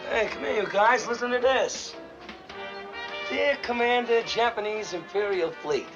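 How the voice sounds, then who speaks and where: A cocky American submarine sailor in an old war film. His high male voice is slangy and breezy, with a declamatory, wry delivery. The soundtrack is dull, with music behind. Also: unhurried. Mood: mock-formal, jubilant. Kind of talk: 1950s war film acting.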